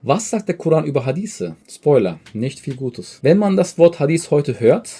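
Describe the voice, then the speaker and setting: A man with a husky, dark voice narrates a scripted explainer. He talks to the audience conversationally and builds his argument with quick rhetorical questions. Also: a little high, very animated, faint music behind. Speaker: YouTube presenter.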